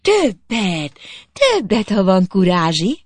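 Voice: mid-range voice, sing-song, no room sound, voice pushed up. A reader doing a teasing peasant girl. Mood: coaxing teasing. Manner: bright, coaxing, cheerful.

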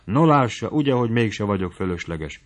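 Man voicing courteous young gentleman, flattering, low voice, audiobook. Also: natural voice. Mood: attentive. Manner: courteous, ingratiating.

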